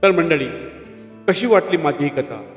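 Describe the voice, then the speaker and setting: High-voiced man in a dull, echoey recording. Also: lively intonation, normal speed. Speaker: channel host. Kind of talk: channel sign-off. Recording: roomy, dull, with reverb and music.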